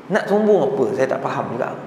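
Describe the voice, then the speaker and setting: A man with a Malaysian Malay accent giving a lively storytelling lecture in a mosque, acting out the people he quotes. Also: mid-range voice, fast talker, slight background noise. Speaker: religious lecturer. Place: large mosque hall. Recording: echoey hall with long reverb.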